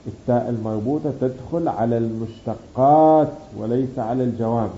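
A man teaches a grammar lesson in a deep, mellow voice that is dark rather than bright. He explains patiently, stretching out key words and answering the questions he poses himself. The recording is roomy and dull, with a faint hum behind him. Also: a little fast.

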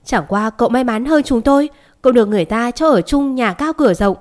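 A woman's voice: a little high, expressive, a little fast, darkish tone, close to an everyday voice. Old nanny, poor, timid, protective, stammering, read by a woman. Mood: indignant. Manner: stammering, scolding outburst.

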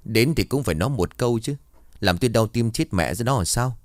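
A man playing a gruff old villager who grumbles and scolds in coarse, blunt speech. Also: mid-range voice, expressive, brisk, no echo, studio quality, natural voice. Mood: grumbling. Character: grumpy old village man, easily startled.

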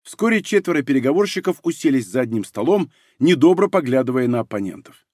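Мужчина-чтец аудиокниги, выразительно, живая интонация, сухой звук. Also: male voice, medium pitch, fast, no echo, studio quality. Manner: expressive, storytelling. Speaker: audiobook narrator. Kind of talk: scripted narration.

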